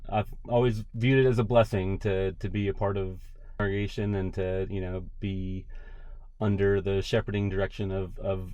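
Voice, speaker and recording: Low male voice, earnest and conciliatory, hesitant delivery, secretly recorded on a hidden mic. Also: little pitch movement, moderate pace, warm tone, dry recording. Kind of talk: halting, earnest private conversation. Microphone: hidden recorder worn by speaker.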